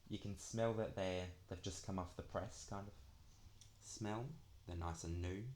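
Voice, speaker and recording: A young man talks in a low, deep voice. He chats casually as he shows craft supplies, and his s sounds come out long and drawn out. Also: steady tone, a little slow, a little mellow, slight background noise. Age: young adult. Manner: drags out the s sounds. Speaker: craft planner vlogger. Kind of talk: casual chatty product walkthrough.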